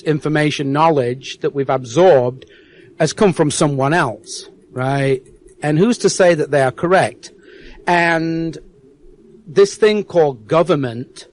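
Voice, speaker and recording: A man's voice: fairly high pitch, darkish tone. Earnest man with a hard-to-place English accent. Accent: hard-to-place English accent with some American. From England (South Yorkshire). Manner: earnest, repeats words when searching for them. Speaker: guest. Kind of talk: earnest internet radio interview.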